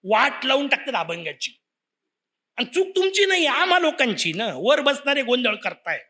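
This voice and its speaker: High-voiced man giving a devotional lecture. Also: normal speed. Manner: rhetorical questions, animated storytelling. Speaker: religious discourse speaker.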